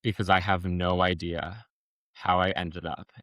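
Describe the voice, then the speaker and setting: A man's voice: low voice, little pitch movement, measured pace, fairly bright tone, no room sound. A man speaking as a podcast guest, telling a personal story frankly in a rambling way, with many restarts. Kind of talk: personal testimony in an interview.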